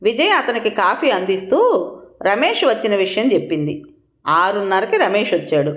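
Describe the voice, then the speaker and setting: A woman narrating a family drama audio story in an expressive storytelling manner. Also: mid-range voice, moderate pace. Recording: roomy echo.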